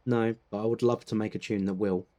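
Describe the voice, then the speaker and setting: British man, casual gaming chat, low mellow voice, relaxed, laughs a lot. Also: fairly quick. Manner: laid-back, laughs often, clears throat. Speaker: gaming channel host.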